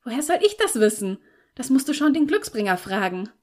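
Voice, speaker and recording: A woman's voice: a little high, big pitch swings, brisk, pitched above the performer's own voice. A woman voicing a shy but stubborn teenage girl in an audiobook, speaking in a raised, earnest, pleading way. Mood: exasperated. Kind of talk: audiobook reading.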